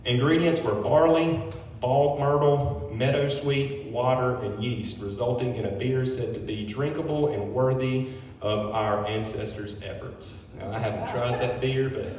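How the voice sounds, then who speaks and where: His medium-pitched voice is a little mellow and a little slow, yet he hardly pauses. The man, a brewery owner, reads a public history talk from notes with casual asides mixed in. The lo-fi recording comes from a distant mic in a very echoey hall with faint noise.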